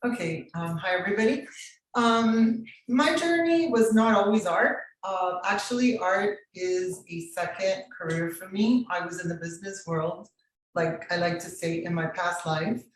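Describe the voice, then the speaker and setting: A guest artist from Miami, Florida, shares a personal story in an interview, speaking slowly in a voice on the low side. She's recorded in a very echoey room, far from the microphone.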